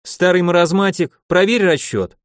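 A man's voice: high voice, normal speed, no echo, clean studio sound, pitched above the performer's own voice, lightly acted. A man voicing a brash, cheeky young man who talks with insolent mockery in an audiobook. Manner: insolent, teasing.

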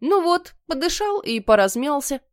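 A woman's voice: mid-range voice, animated, moderate pace, darkish tone, no echo, clean studio sound, lightly acted. A woman voicing a stubborn young boy who whines and protests. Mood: whiny. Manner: whining, defiant. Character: whiny stubborn boy who hates outdoors.

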